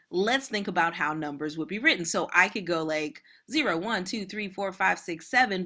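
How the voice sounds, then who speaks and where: A woman's voice: lowish voice, pushed and bright. A woman math teacher giving an online lesson in a casual, chatty way, talking straight to her students.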